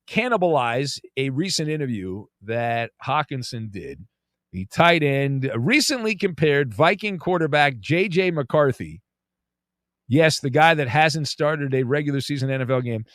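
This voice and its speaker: A man hosting a sports talk show, animated and joking as he riffs. His pitch swings widely and sits a touch high for a man. The sound is close and dry. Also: dry recording. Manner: animated, joking, repeats words when starting. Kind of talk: casual sports talk commentary.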